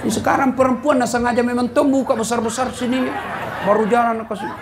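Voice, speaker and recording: Animated high-voiced male preacher. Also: fast, crowd noise, noisy background. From Indonesia. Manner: animated storytelling, swings between loud exclamations and low asides. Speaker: Islamic preacher. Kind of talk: humorous sermon to a live audience.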